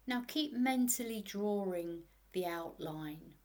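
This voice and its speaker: A woman narrating a guided meditation in a soothing sleep story manner, hushed and unhurried, leaving long pauses. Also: medium pitch, animated.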